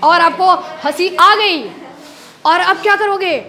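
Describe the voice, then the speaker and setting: A woman's voice: very high voice, slow pace. A woman teacher with an Indian accent giving a playful classroom lesson, acting out different kinds of laughter. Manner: lively, playful, acts out laughs.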